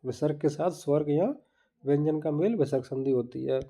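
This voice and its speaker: A man with a warm, fairly high voice teaches grammar in an exam-prep lesson at a normal speed. He walks through it step by step, repeating each term and asking the viewer to look.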